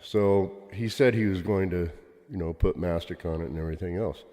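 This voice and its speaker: A man's voice: low-pitched, brisk, dark tone. An older man co-hosting a podcast, telling stories in casual chat, with cave-like reverb on his voice. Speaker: podcast co-host.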